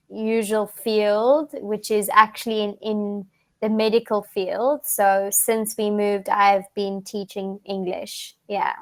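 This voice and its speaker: A woman's voice: medium pitch, a bit bright. A young woman from South Africa, an online English tutor, chatting casually on a video call and explaining things with frequent restarts. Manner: friendly, explains slowly with frequent restarts and fillers. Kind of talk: casual online conversation lesson.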